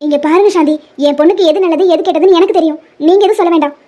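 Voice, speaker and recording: Lady doing a bossy nagging cartoon mom, high pitched and quick. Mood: scolding. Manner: sharp, scolding, suspicious. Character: strict, scolding middle-aged rich mother. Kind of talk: Tamil cartoon dub.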